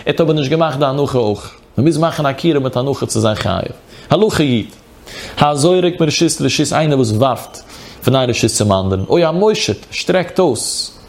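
A man's voice: medium pitch, expressive, a little fast. A man with a Yiddish accent teaching a Talmud lesson in a singsong study chant that keeps rising and falling. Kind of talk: traditional Talmud study lecture.

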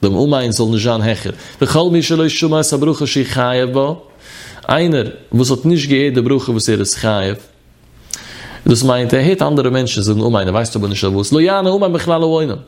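A man's voice: medium pitch, animated, fairly quick, a little mellow. A man giving a lesson on religious law, explaining steadily and mixing study terms into his speech. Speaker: religious teacher.

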